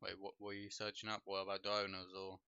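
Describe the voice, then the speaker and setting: A young Polish man, Polish being his first language, chats loosely on his livestream as a streamer and podcast host, rambling and relaxed, padding everything with "like" and "bro." His voice sits low and he talks fast, with a clean tone and no echo, though the home mic sounds dull and lo-fi.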